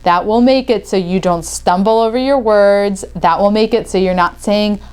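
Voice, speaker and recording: A woman from the US, hosting her podcast show and giving energetic, chatty tips. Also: medium pitch, moderate pace, clean tone. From Northeastern United States. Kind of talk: upbeat video tips talk to camera.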